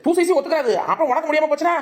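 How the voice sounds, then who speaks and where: A woman voicing a patient, calm young village man in a cartoon, reasoning with the others. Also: high voice, rapid-fire, crowd noise, natural voice. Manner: reasoning and soothing.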